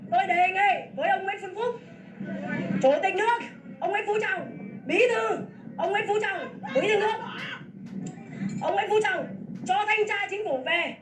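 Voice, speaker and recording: A woman's voice: very high-pitched, unhurried, long pauses, slight background noise. A woman from Vietnam, a farmer making an angry public complaint in a fierce, scolding, repetitive tirade. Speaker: farmer protesting land seizure. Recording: echoey, from far off the mic.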